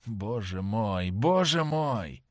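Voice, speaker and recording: A man reading a vengeful young sailor in an audiobook, speaking slowly and heavily. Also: mid-range voice, expressive, no room sound, studio quality, lightly acted. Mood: remorseful. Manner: slow, heavy and menacing. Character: vengeful rough young sailor, grim and threatening.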